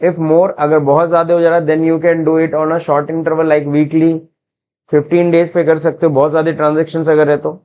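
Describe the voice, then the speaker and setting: Indian-accented male tutor, fairly high voice, dull lo-fi screen recording, quizzes the class and answers himself. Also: little pitch movement, normal speed, darkish tone. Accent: Indian English. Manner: mixes Hindi and English, asks and answers his own questions. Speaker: accounting software teacher.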